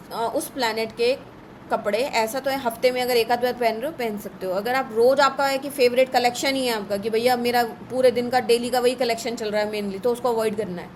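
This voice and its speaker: Leading an astrology lesson in a live online session, a woman goes through lists briskly and with a touch of scolding. Her voice is on the high side, and the poor audio carries a little hiss or hum.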